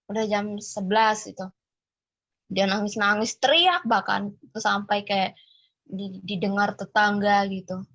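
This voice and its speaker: Young woman caller from Sumba, mid-pitched, casual story, muffled lo-fi call audio. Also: a bit bright. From Sumba, Indonesia. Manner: storytelling with many fillers. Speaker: caller sharing a testimony. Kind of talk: casual spoken testimony.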